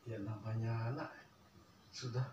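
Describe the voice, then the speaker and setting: Older guy telling a story, drops to a murmur then bursts out loud, far from the mic in an echoey room. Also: on the low side, normal speed, muffled recording. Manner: animated, swinging between hushed murmurs and loud outbursts. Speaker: guest recounting a family story. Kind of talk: casual conversational storytelling. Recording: echoey room, distant mic, faint ambient hiss.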